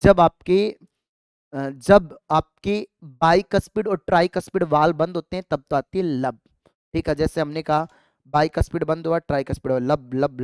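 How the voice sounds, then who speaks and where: Smooth-voiced biology teacher drilling exam students. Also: mid-range voice, a little mellow, no echo, studio quality. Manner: asks students rhetorical questions and answers them; calls students affectionately "child" and "dear kids". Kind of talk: exam-prep classroom lecture.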